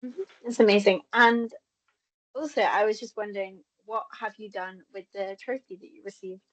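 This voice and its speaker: Young woman interviewer, medium pitch. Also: a little fast, poor audio. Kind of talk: conversational interview hosting.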